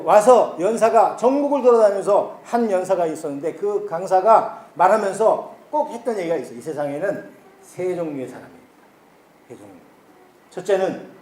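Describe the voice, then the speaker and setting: A man's voice: high voice, darkish tone, roomy sound. A pastor in his fifties, from Korea's Chungcheong region, preaching a folksy, humorous retreat sermon and asking the congregation questions. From South Korea, Chungcheong region. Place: church hall with congregation.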